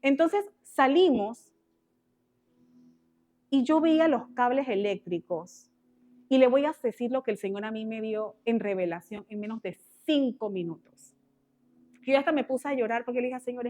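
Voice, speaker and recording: A woman, teaching a women's ministry sermon through an animated personal story with exclamations and quoted prayers. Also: high-pitched. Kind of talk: testimony-style sermon.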